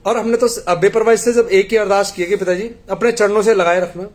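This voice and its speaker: Earnest high-voiced man pleading with congregation. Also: steady tone, brisk. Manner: earnest, pleading, tells parables. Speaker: devotee addressing the congregation. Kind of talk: devotional appeal.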